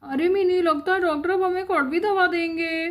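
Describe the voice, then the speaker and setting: A very high, squeaky little girl, put on by a woman, who frets and schemes her way through a doll story. She talks in a whiny, excited rush. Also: normal speed. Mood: worried. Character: little girl patient Shaili, scared and scheming.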